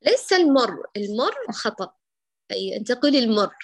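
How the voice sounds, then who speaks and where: A woman's voice: on the high side, sing-song. Patient woman teaching recitation. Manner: patient, affectionate, demonstrates sounds slowly. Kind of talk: correcting recitation in an online lesson.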